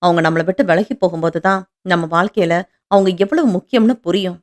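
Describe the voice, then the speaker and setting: A woman's voice: fairly low pitch, fast, close to an everyday voice. Woman doing a worried middle-aged mother. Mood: concerned. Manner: concerned motherly advice.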